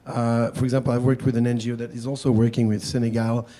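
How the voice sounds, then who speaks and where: A man with a French accent talks to a public panel in a soft-edged, mellow tone. His delivery is chatty and self-deprecating, like an activist explaining things informally. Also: medium pitch, level tone, fast talker. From France. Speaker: panel speaker, wildlife activist.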